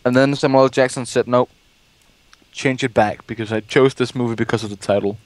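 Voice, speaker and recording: A man's voice: mid-range voice, fairly even intonation, brisk, dry recording. A young man hosting a gaming video, chatting casually and rambling about movies while playing. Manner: rambling, swears when startled. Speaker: let's play host.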